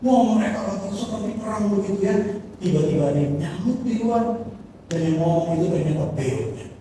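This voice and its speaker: A man's voice: sits high, animated, a little fast, noisy background. A man preaching a sermon, telling a humorous story and acting out its characters' lines. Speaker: pastor. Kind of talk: sermon with a told joke. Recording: echoey hall from far off.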